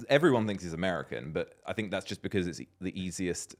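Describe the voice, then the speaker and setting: A man's voice: low-pitched, expressive, fast. A man from Britain, co-hosting a podcast and teasing his friends in casual chat. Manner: teasing, chatty. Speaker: podcast co-host.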